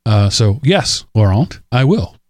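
A man hosting a podcast, chatting casually and rambling with fillers and quick laughs. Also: fairly low pitch, very animated, a little mellow. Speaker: podcast host. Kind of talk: casual chat.

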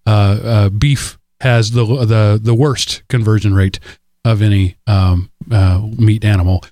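A man hosting a podcast, chatting casually and rambling with fillers and quick laughs. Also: on the low side, steady tone, mellow, no echo, clean studio sound. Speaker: podcast host. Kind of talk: casual chat.

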